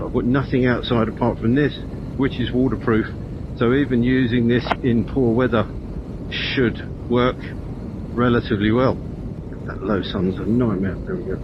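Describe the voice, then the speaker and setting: Guy motovlogging, rambly casual chat from inside a helmet, dull intercom mic, engine and wind rumble. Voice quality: muffled, boxed-in sound from inside a helmet. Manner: rambling, thinking aloud. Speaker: motorcycle vlogger. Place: inside a motorcycle helmet, riding outdoors on country roads. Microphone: helmet intercom microphone.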